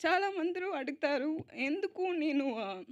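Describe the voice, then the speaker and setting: A young woman speaking at an event on stage into a mic, switching between Telugu and English, halting with fillers and little giggles, slow and heartfelt. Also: high-pitched, dull audio. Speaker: lead actress giving a speech. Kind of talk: emotional stage speech at a film event.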